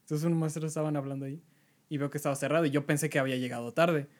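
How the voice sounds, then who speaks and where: A young man with a Mexican accent, telling a school story in slangy casual chat on a podcast and laughing loudly. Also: a little high, fairly even intonation, racing. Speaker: podcast co-host.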